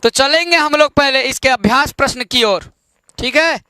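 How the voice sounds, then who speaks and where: A man teaching an online Sanskrit lesson, explaining each word slowly and checking in with his students. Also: extremely high pitch, sharp tone, no echo. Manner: slow, explains word by word with repeated check-ins.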